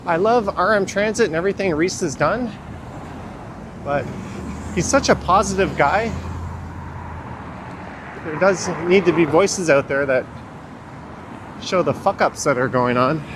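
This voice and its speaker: Speaking at a measured pace with long pauses, a man with a high, animated voice hosts a livestream while walking a city street in winter. He sniffles from the cold as he gives casual, opinionated commentary, with traffic and street noise clearly in the background.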